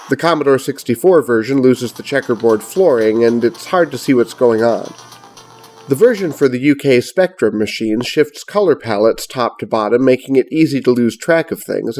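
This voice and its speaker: A middle-aged man, giving scripted, measured and precise review narration as host of a retro gaming show. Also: medium pitch, a little mellow.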